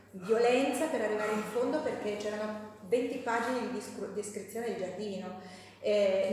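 A woman's voice: medium pitch, a little mellow, slight background noise. A woman teaching a live class, talking casually with fillers and self-corrections and reading passages from a novel aloud. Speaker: teacher leading a women's class. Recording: echoey hall, voice from far off.

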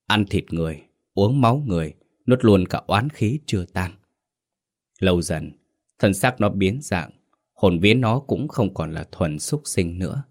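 Brief: a man doing a grave exorcist master, deep, deliberate, commanding. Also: lively intonation, exaggerated voice.

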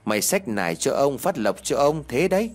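A man's voice: medium pitch, big pitch swings, moderate pace, voice pushed up. A man voicing a blunt, scolding old male village shaman in a spoken ghost story. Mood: gruff.

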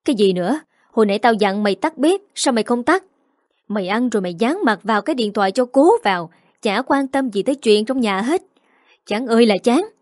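A woman voicing a hot-tempered older mother-in-law, scolding shrilly and fast. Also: a little high, lively intonation, a little mellow, no room sound, studio quality, lightly acted. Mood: furious.

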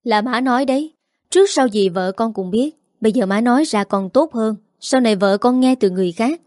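A woman's voice: a little high, expressive, fairly quick, darkish tone, no echo, clean studio sound, lightly acted. A woman reading a storybook voices a harsh older mother-in-law who scolds in a biting, accusing tone. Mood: grudging.

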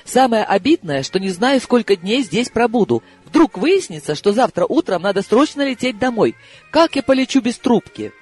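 A man's voice: high-pitched, sing-song, moderate pace, a little mellow, husky, soft background music, voice pushed up, heavily acted. A male audiobook reader voicing an impatient, headstrong woman in love who speaks insistently. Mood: anxious. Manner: insistent, exclamatory. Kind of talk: audiobook character voice.

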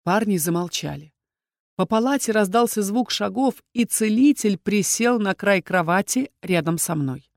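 A woman reading a first-person fantasy novel aloud with expressive delivery. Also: mid-range voice, normal speed, no room sound, studio quality. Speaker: audiobook reader. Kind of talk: scripted first-person narration.

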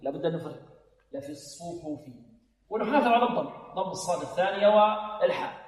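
This Quran recitation teacher speaks very fast in a high-pitched, animated voice. He works patiently through a tajweed lesson, repeating sounds for his students to copy and chanting brief demonstrations, all carried over a religious radio broadcast with long reverb.

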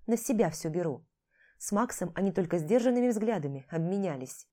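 A woman's voice: lowish voice, expressive, brisk, dark tone. A woman narrating a novel in the first person, with a tired, sardonic edge in the lead's lines. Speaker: audiobook narrator.

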